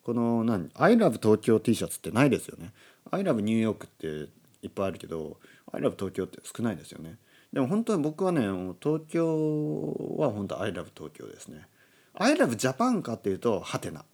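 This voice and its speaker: A man from Oita, Japan, hosting a relaxed solo talk for learners, explaining slowly and glossing words in English. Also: fairly low pitch, slightly rough. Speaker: podcast host. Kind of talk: casual monologue for Japanese learners. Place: indoors at a table.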